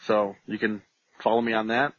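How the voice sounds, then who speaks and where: Husky, enthusiastic man chatting on a podcast. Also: fairly low pitch, little pitch movement, moderate pace, fairly bright tone, no echo. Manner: enthusiastic, slangy. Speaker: podcast co-host. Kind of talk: casual chat. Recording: slightly dull, lo-fi sound.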